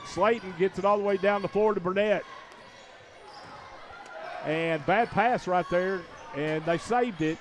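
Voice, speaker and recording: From inside a school gymnasium, a man announces a high school basketball game play by play. He talks quickly and excitedly, and his voice rises sharply whenever someone shoots.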